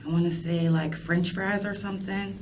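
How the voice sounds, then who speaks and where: Speaking at a normal pace in a steady, fairly low voice, a young woman responds to police questioning with a tentative, matter-of-fact manner. She is the interviewee in an indoor interrogation room, picked up by a far-off room mic that leaves the audio distant, muffled and noisy.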